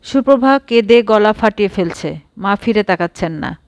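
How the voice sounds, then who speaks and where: A woman narrating a short story for an audiobook, calm and even. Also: mid-range voice, moderate pace, dry recording, studio quality.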